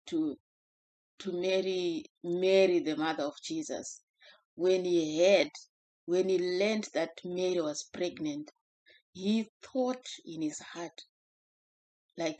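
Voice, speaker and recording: A woman delivers a personal devotional talk at a slow, deliberate pace. Her voice sits somewhat low for a woman. She speaks gently, often pausing to restart or add a filler. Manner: unhurried, gentle, with fillers and self-corrections.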